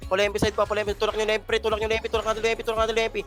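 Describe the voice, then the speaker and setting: A man from the Philippines calling out commands to his team during a game, repeating each urgent call in rapid bursts. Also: sits high, completely flat delivery, over music. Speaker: team shot-caller. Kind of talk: fast repetitive in-game callouts.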